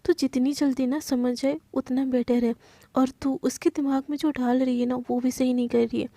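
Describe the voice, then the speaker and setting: A woman's voice: high-pitched, little pitch movement, moderate pace, mellow, dry recording, pitched below the performer's own voice. A woman voicing a cold, guarded young woman who gives firm, clipped warnings. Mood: stern.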